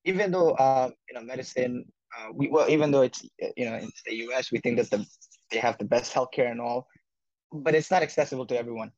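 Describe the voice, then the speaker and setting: A man's voice: mid-range voice, fairly quick, a little mellow, dry recording, highs cut off. A man from Bangladesh, a medical student, answering interview questions with many fillers and restarts.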